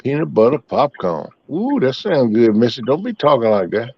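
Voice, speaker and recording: A man's voice: medium pitch, very animated, moderate pace, husky. A middle-aged man, casually chatting with his livestream viewers in a rambling, folksy way. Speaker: livestream host. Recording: muffled, dry.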